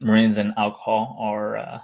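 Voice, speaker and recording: A young man with a fairly low voice talks off the cuff as a streamer. He rambles and hesitates, letting his sentences trail away in a loose, casual chat. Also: monotone, moderate pace, vocal fry, narrow, tinny audio. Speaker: live streamer, former Marine.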